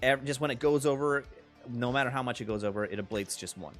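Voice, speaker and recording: A man's voice: medium pitch, fast talker, faint music behind. A man running a tabletop role-playing game as game master, calling turns and rolls. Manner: animated, calls out turns and counts squares.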